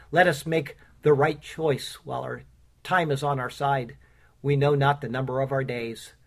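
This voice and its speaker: A pastor preaching a sermon with casual asides and fillers, who reads his own rhymed Bible poem in a measured cadence. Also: mid-range voice. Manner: earnest, recites rhymed verse in a measured cadence.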